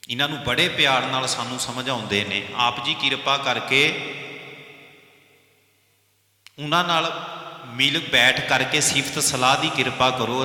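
A man with a Punjabi accent teaches a Sikh scripture line by line, chanting each verse slowly and then explaining how to pronounce it. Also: mid-range voice, sharp tone. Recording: echoey hall with long reverb.

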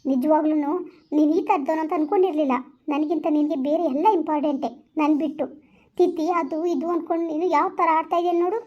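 Skit: woman playing a hurt young girlfriend, very high, fast and reproachful, dull lo-fi sound. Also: fairly even intonation, lightly acted. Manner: reproachful, repeats herself. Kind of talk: village skit phone-call acting.

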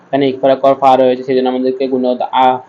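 A man teaching Quran reading, spelling out letters and vowel marks, with slow drawn-out recitation between plain explanations. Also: medium pitch, completely flat delivery, dark tone, muffled recording.

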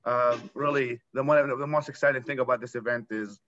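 A man in his thirties from Iraq speaking as a panelist on a video call, earnest and halting with restarts. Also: mid-range voice, steady tone, a bit bright. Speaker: panelist, nonprofit founder. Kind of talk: conference panel talk. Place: room at home. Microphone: laptop webcam on video call. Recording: dull lo-fi video call audio.

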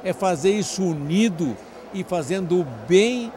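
A man's voice: high voice, animated, a little slow. A man, speaking as an event organizer in a handheld-mic interview, effusive and grateful, talking in long flowing runs. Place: large covered event hall, crowded charity dinner. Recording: noisy event hall.

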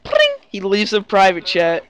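Man host, high-pitched and smooth, halting casual storyteller. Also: fairly even intonation, a bit bright. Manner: rambling and halting, lots of fillers and restarts. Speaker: video host recounting a prank.

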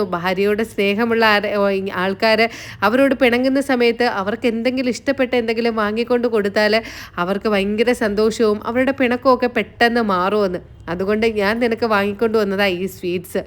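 A woman's voice: a little high, fairly even intonation, a little fast, lightly acted. A woman voicing a shy, affectionate young husband who explains himself earnestly.

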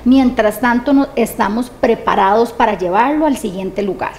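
A woman, a guest expert on grief, answering interview questions in a calm, measured way and often checking in with a tag question. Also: on the high side, a little hiss or hum. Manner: calm, measured, often ends points with "¿verdad?".

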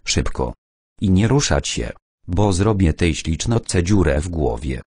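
A man voicing a menacing armed kidnapper who snarls threats in a deep, husky voice. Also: big pitch swings, measured pace, a little mellow, dry recording, exaggerated voice. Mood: snarling threat.

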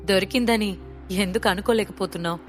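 A woman voicing a calm, self-assured young male hero in an audio story, giving orders quietly and quickly. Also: mid-range voice, faint music behind, natural voice.

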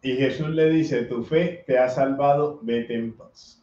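The speaker is a priest, male, giving a gospel reading followed by a homily. He preaches earnestly and unhurriedly, now and then shouting the lines of story characters in a high, loud voice, captured in a dull, echoing recording.

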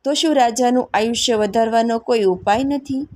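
A woman's voice: a little high, moderate pace, darkish tone, natural voice. A woman reading a devoted young male servant.

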